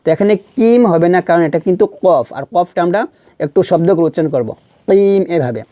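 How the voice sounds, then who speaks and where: A man teaching Quran reading step by step. He repeats syllables slowly to show how they are pronounced, and he asks questions and answers them himself. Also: on the high side, expressive, mellow, no room sound. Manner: patient, repeats sounds and syllables slowly to demonstrate pronunciation. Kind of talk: step-by-step recitation lesson.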